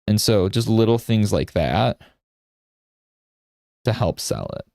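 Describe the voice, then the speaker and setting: Low-voiced man teaching art, dry sound. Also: animated, slow pace, vocal fry, dark tone, no room sound. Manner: rambling storyteller, checks in with "right?". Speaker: art streamer and instructor. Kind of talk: casual teaching while drawing live.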